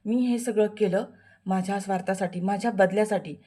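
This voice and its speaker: A woman's voice: mid-range voice, steady tone, brisk, mellow, lightly acted. A woman voicing a scheming male villain in a television serial recap, reading his lines coldly and spitefully. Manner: cold and spiteful. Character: scheming villainous man bent on revenge.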